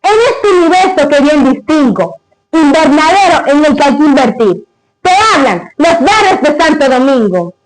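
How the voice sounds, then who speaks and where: A woman's voice: high-pitched, lively intonation, moderate pace, low-quality recording. A woman reciting poetry in a grand declamatory style, solemn and emphatic, giving weight to each line of verse.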